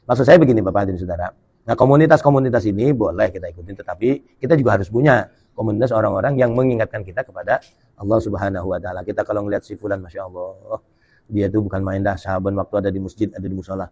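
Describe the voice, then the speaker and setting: A man's voice: on the low side, quick pace, darkish tone, slightly rough. A male preacher, giving a jokey, colloquial sermon at a mosque gathering after dawn prayer, reading and explaining Arabic text. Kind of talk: humorous sermon.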